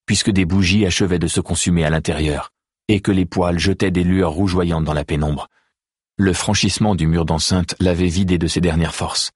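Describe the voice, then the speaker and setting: A man reading a novel aloud as an audiobook narrator, in a measured, even manner. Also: low-pitched, husky, dry recording, studio quality. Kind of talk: scripted narration.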